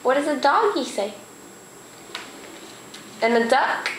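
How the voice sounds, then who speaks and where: A woman quizzing her toddler in a home video, asking slow coaxing questions in a sing-song voice and praising her. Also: sits high, very animated. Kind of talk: home video baby talk. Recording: echoey room, faint noise.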